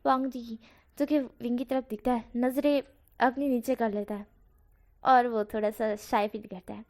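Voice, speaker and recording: A woman's voice: fairly high pitch, fairly even intonation, moderate pace, darkish tone. A woman casually narrating a fan fiction story in a conversational way, sometimes correcting herself.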